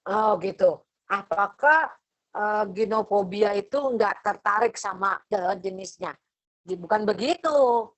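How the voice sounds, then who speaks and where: A woman's voice: mid-range voice, unhurried, a bit bright, poor audio. A middle-aged woman lecturing a university class over a video call, chatty and motherly. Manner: motherly, chatty, acts out parents' lines.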